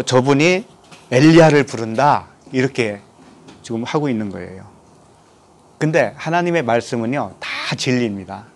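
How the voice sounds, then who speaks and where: Korean male pastor preaching a sermon. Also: mid-range voice. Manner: asks the congregation questions and reads scripture aloud.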